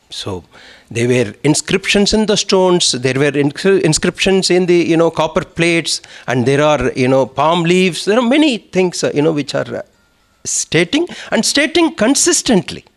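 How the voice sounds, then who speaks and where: A high-pitched, animated man lectures on Tamil literature as a conference speaker, his delivery full of fillers and restarts.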